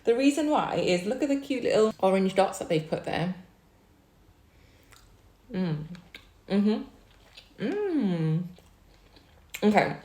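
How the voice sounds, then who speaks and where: In her relaxed food vlog, a young woman from Wales, a native Chinese speaker, talks about herself while savouring each bite with gentle hums. She's very animated at a medium pitch but takes it slowly, pausing often, in a roomy-sounding space.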